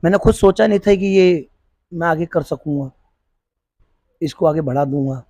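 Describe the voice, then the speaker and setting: A man's voice: fairly high pitch, normal speed, warm tone, no echo. A middle-aged man, a police officer who runs a school, answering interview questions earnestly, often restarting his sentences. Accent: Hindi. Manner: earnest, repeats and restarts while searching for words.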